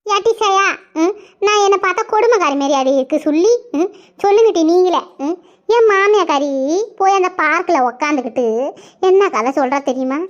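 A woman's voice: extremely high pitch, a little fast. A woman voicing a married village woman who wails and laments about her in-laws, in a cartoon. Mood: complaining. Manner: wailing, lamenting, sing-song complaint. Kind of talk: cartoon voice acting. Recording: muffled lo-fi recording.

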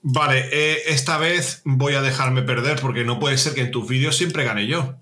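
A man's voice: medium pitch, normal speed, pushed and bright. A man, a guest co-player in a casual gameplay chat, full of jokey banter.

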